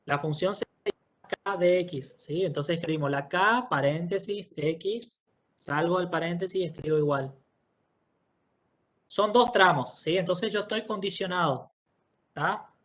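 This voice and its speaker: Patient teacher, step by step. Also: male voice, high-pitched, a little slow, fairly bright tone. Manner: patient, explains step by step, checks in often with "¿sí?". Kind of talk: online class walkthrough.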